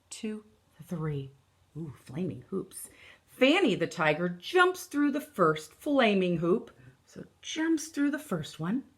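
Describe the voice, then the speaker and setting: Recorded in a room at home, a teacher in her thirties reads a picture book to kids with a lowish voice. She explains the story carefully and leans on important words.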